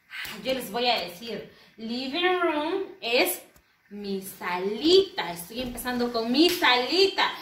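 A woman teaching English to young children in an online lesson, speaking slowly and having the class repeat each word after her. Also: on the high side, fairly bright tone. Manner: slow, repeating words for children to say back. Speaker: primary school English teacher. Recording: roomy, slightly distant, faint noise.

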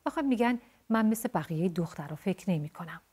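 A woman's voice: fairly low pitch, animated, a little mellow, slightly rough. A woman voicing a blunt, spirited short-haired tomboy girl in a told storybook tale. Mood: lively chatty. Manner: blunt, quick-tempered, then chatty.

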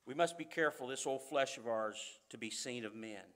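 A man preaching a sermon in a church, fervent, swinging from loud emphasis to quiet asides. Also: mid-range voice, fairly quick.

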